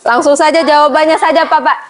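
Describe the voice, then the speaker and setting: A woman's voice: sits high, fairly even intonation, quick pace, a crowd in the background. A woman teacher with an Indonesian accent presenting a training session to fellow teachers, explaining patiently with frequent fillers and addressing the room politely. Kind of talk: classroom presentation to colleagues.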